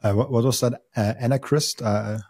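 Speaking fairly quickly at a medium pitch, the young podcast host from Austria keeps a fairly even intonation and a darkish tone. He stumbles through his casual interview with frequent fillers and restarts. His home studio setup, a boom mic on an arm, gives a dry, studio-quality recording.

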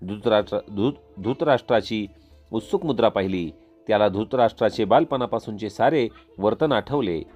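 Man reading out an old epic, measured and dramatic, lowish voice. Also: highs cut off. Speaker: storyteller. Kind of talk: epic storytelling narration. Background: soft instrumental music.

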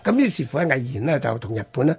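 A Hong Kong Cantonese-accented man hosts a conversational history program on the radio. His voice is very rough and husky, and his pitch swings widely as he presses his points like a storyteller, stretching out the particles that close his phrases.

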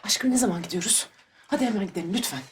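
An actress playing a spoiled, impatient young wife who pleads and then demands loudly in a TV drama. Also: female voice, very fast, noisy background, close to an everyday voice. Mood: pleading. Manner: pleading then shrill and insistent. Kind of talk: TV drama acting.

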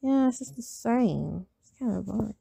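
A woman who has just woken up, with a slightly raspy morning voice, giving casual commentary while playing a game. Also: on the high side, animated, normal speed, dark tone, no room sound, clean studio sound. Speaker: gamer narrating gameplay.

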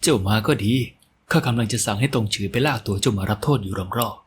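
Audio-drama role: male narrator as a haughty young lord, low and harsh, curt with contempt. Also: quick pace, a little hiss or hum, lightly acted. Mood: cold, scornful. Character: cold, domineering young male household master.

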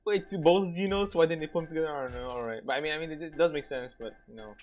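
A man giving casual, excitable gaming commentary, laughing often and cursing mildly. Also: a little high, racing. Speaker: gameplay commentator.

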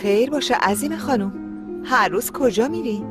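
Brief: actress as a nosy schemer, lively high voice over loud music. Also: female voice, lightly acted. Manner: curious, scheming.

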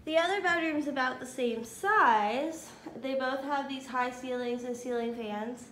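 A vlogger in her twenties walks through her empty new apartment with bare walls, filming a casual house tour on a handheld phone camera. She's chatty and upbeat, keeps saying "cute little," and speaks unhurriedly in a high, somewhat bright voice, with echoey rooms and faint room hiss around her.

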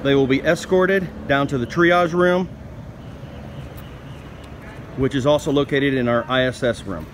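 A man's voice: mid-range voice, normal speed, a little hiss or hum. A young man narrating a school news video as a scripted voice-over, reading instructions plainly and steadily. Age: young adult.

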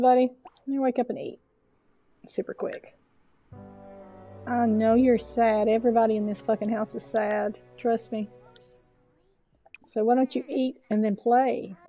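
A woman's voice: on the high side, lo-fi sound. A woman streaming a game, chatting casually and coaxing her game characters, with mild swearing. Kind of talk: casual gameplay commentary.

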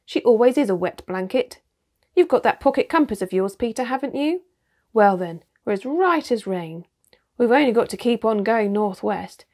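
A cocky, teasing boy, voiced by a woman reading a storybook. He speaks breezily and confidently in a warm, dark, slightly gravelly tone. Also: on the high side, expressive, moderate pace. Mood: breezy. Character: cocky, teasing younger brother.

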